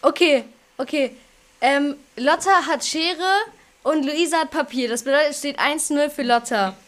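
A woman's voice: sits high, normal speed. A young woman moderating a casual quiz game with friends on a video call, bossy and teasing. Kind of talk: casual chat among friends.

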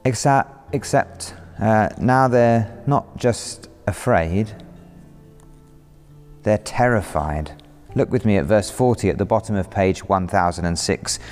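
A man's voice: on the low side, takes it slowly, a little mellow. A man preaching a sermon, retelling a story vividly and dramatically. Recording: reverberant hall, faint music.

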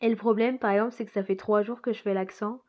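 A woman's voice: mid-range voice, steady tone, fast. Woman rambling thoughtfully on her podcast, laughs a lot, kinda dull lo-fi audio. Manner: musing, rambling, laughs often. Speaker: podcast host. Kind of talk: casual reflective monologue. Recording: slightly dull lo-fi recording.

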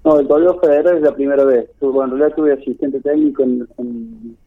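A man's voice: a little high, brisk, no echo. Guy calling in from home, phone line keeps breaking up, tinny and dry, kinda hesitant, repeats himself. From Córdoba, Argentina. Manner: hesitant, repeats words as he restarts. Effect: choppy phone line that keeps cutting out. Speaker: football coach. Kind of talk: radio phone interview.

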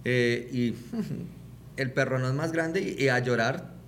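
A man with a Colombian accent telling a personal story in a casual podcast chat, animated and laughing often. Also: medium pitch, unhurried, a little hiss or hum. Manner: animated, laughs often, acts out voices in his anecdotes.

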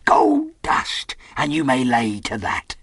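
A man voicing a cunning one-legged old pirate cook who talks in rough sailor's grammar and coaxes his listener. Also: medium pitch, wildly swooping pitch, slow pace, fairly bright tone, full character voice. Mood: coaxing. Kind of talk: audiobook character voice.

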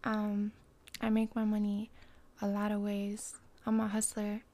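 A woman's voice: mid-range voice, monotone, unhurried, mellow. A woman guest on a podcast, talking in a laid-back, slangy way with lots of fillers, born in Russia and raised in Canada. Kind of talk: casual chat.

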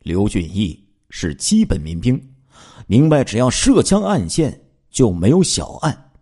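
A man telling a true-crime story in a dramatic way, stepping aside now and then to address his listeners. His low voice is husky and warm, and it rises and falls with wide swings. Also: big pitch swings, a little slow. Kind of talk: spoken true-crime narration.

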